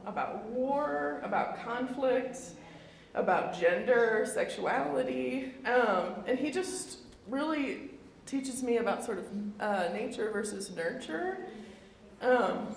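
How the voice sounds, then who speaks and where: A woman's voice: fairly high pitch, gravelly. A woman in her thirties with a Midwestern accent, giving a casual public artist talk, chatty and self-deprecating with many fillers. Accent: Midwestern American. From Indiana. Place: indoor event room. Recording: echoey room, faint noise.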